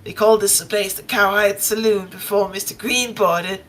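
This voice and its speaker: A woman's voice: mid-range voice, steady tone, moderate pace, lightly acted. A woman voicing a cool, unbothered male pasta cowboy with a strong Texan accent, in a live reading of a story.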